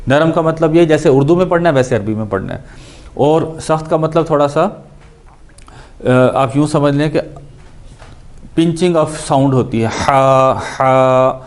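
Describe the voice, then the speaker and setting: A man teaching Quran recitation, patiently explaining and repeating syllables slowly to show how each letter sounds, with English words mixed in. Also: a little high, a little mellow. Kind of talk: explanatory lesson on pronunciation.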